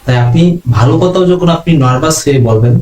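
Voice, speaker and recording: বাংলাদেশের এক পুরুষ অনলাইন ক্লাসে যোগাযোগ দক্ষতা শেখাচ্ছেন, ধীর ও মাপা ভঙ্গিতে একটার পর একটা টিপস দিচ্ছেন।. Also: male voice, mid-range voice. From Bangladesh. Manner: calm, measured teaching with numbered tips. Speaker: online class instructor. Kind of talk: online lesson on communication skills. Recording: roomy echo.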